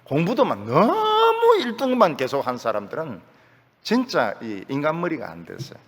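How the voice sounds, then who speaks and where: A man's voice: on the high side, huge pitch swings, moderate pace, a bit bright. An older man with a Gyeongsang accent preaching a sermon as pastor, folksy and joking, repeating his key phrases. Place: church sanctuary. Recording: church hall reverb.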